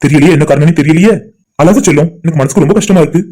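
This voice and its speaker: A man's voice: a little high, very fast, natural voice. A man voicing a lovestruck young man who talks to himself, anxious and eager. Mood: worried. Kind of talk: amateur cartoon voice acting.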